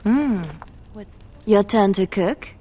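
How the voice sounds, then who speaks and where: A woman's voice: mid-range voice, takes it slowly, warm tone. An actress playing a young woman spy and bard who speaks earnestly and anxiously. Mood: worried.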